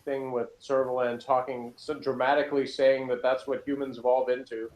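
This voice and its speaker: With a mid-range, level and slightly mellow voice at normal speed, a man hosts a review podcast in a roomy, echoing space. He reviews casually in conversation, sounding opinionated and sarcastic and prone to ranting.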